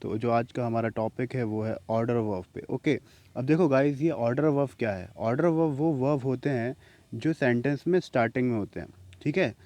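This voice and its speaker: A man's voice: mid-range voice, a little fast, a little mellow, no room sound. A man giving a casual grammar lesson who explains patiently and keeps checking that his students follow. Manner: explains patiently, repeats points, checks with "okay?". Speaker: English grammar teacher.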